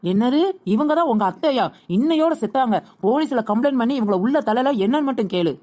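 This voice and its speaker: A woman voicing a quick-tempered young female shopper in a comedic cartoon, firing back indignant retorts. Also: high voice, lively intonation, warm tone. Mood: angry. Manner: indignant, rapid-fire retorts.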